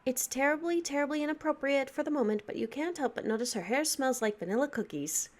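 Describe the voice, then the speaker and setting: A woman with a high, very lively voice reads a visual novel aloud for her let's play, dropping into giggly asides between lines. Soft game music plays faintly behind. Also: quick pace.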